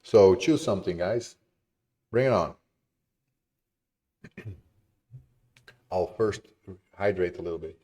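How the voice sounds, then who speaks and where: Guy on a stream, kinda low voice, talks slow, easily amused and keeps saying sorry. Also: warm tone. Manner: chatty, apologetic, easily amused. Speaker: game dev streamer. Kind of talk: casual live-stream chat with viewers.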